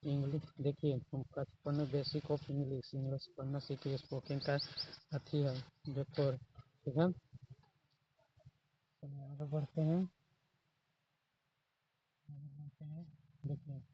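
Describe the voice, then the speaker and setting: A man's voice: mid-range voice, flat delivery, takes it slowly, pauses often, muffled recording, noisy background. A man teaching an online spoken English class, repeating his prompts often and spelling example words letter by letter. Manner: repetitive, keeps saying "dekhiye" and "theek hai".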